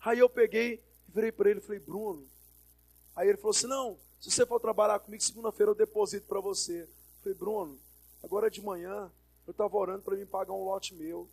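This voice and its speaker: A man's voice: high voice, little pitch movement, fast, vocal fry, darkish tone, slightly rough. A Brazilian man preaching as a pastor, telling a personal story and exhorting the congregation in a sermon. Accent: Brazilian Portuguese.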